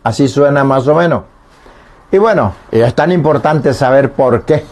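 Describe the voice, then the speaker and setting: A man's voice: medium pitch, darkish tone. A man teaching a Guarani language lesson on the radio, explaining patiently and sounding out each vowel. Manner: slow, patient explanations, demonstrating sounds aloud. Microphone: radio studio microphone.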